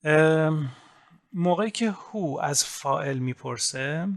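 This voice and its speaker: A man teaching an English grammar lesson, explaining rules step by step and saying English example words slowly. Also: a little high, lively intonation, gravelly. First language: Persian. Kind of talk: recorded grammar lesson in Persian.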